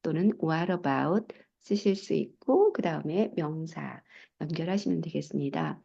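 A woman's voice: sits low, animated, a little slow, vocal fry, warm tone, slightly rough, muffled recording. A woman English teacher giving a recorded lesson, explaining and modelling travel phrases with careful pronunciation. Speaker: English teacher and textbook author.

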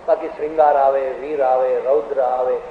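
A man's voice: medium pitch, flat delivery, normal speed. A male religious teacher giving a spiritual discourse, telling anecdotes with rhetorical questions and now and then mimicking other people's voices. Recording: echoey hall, tinny phone-like sound, faint hiss.

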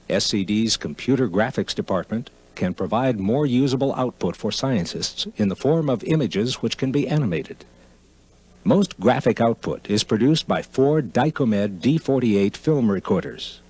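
A man reading scripted documentary narration for a 1992 computer facility tour video, in an even, informative delivery. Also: lowish voice, slightly rough. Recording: 1992 archival video voice-over.

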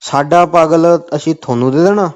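This man's voice sits a little high and moves a little fast, with a darkish tone. Speaking with a Punjabi accent, he makes a comic phone call, pressing his point and leaning on stock phrases again and again, captured on a dull, lo-fi phone line.

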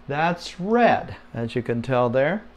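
A man giving a casual home-made Spanish lesson, slow and patient, with many fillers, repeating words for listeners to say along. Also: mid-range voice, sing-song. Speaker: Spanish teacher.

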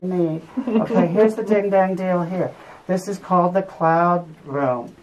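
Low-voiced, folksy woman guiding a tour. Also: unhurried, a little mellow, dull audio. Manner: folksy, joking. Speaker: cave tour guide. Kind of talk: informal guided tour talk to a group. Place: inside a cave among a tour group. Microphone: visitor's camera at some distance. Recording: noisy on-location camera audio.

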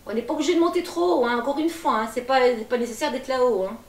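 A middle-aged woman leading a gentle seated exercise class from her attic room at home, with calm, encouraging and folksy cues. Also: sits high, quick pace. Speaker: gentle gym instructor. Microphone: far camera. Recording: echoey room from far off.

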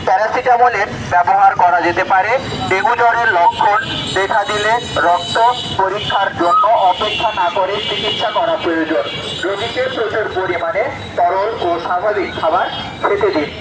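A man's voice: sits high, normal speed, very noisy. A man with a Bangladeshi accent reads out a public service announcement to residents as a volunteer, speaking through a megaphone.

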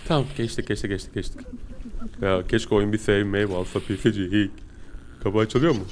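A man's voice: on the low side, moderate pace, slight background noise. A man giving casual let's-play commentary, chatting to viewers and yelping when startled. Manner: excitable, yelps and squeals when startled; chatty, keeps talking to viewers as "pisicik". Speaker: gaming video host.

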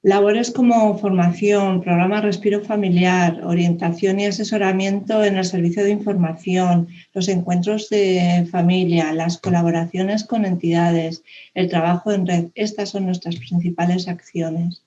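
A woman's voice: on the low side, steady tone, moderate pace, mellow, a little hiss or hum. Woman from on a dull video call. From Spain. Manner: hesitant, many fillers and restarts. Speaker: conference speaker. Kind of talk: online presentation talk. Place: room indoors, video call.

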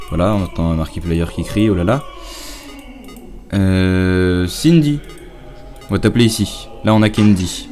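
A young man giving casual, halting let's play commentary, muttering to himself as he plays. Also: lowish voice, darkish tone. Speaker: gamer commenting on own play.

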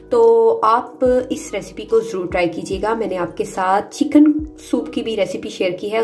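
A woman hosting a cooking channel, narrating a recipe step by step. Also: medium pitch. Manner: steady instructional narration. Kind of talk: recipe voice-over.

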